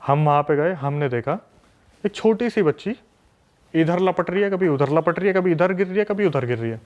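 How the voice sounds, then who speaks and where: Animated man telling a spooky story. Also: on the high side, normal speed. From a city. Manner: animated, repetitive, emphatic. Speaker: podcast guest. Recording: dull lo-fi recording.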